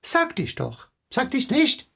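An actress voicing a shifty neighbour who fakes an English accent in a children's audio drama, talking in an evasive, stammering, sugary way. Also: female voice, sits high, huge pitch swings, takes it slowly, gravelly, a bit bright, slightly rough, heavily acted. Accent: put-on English accent in German. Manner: evasive, stammering, overly sweet.

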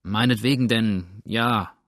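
A man's voice: on the low side, slow, fairly bright tone, no echo, studio quality. A man reading aloud as a grumbling, blunt old male boatswain in a storybook. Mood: gruff.

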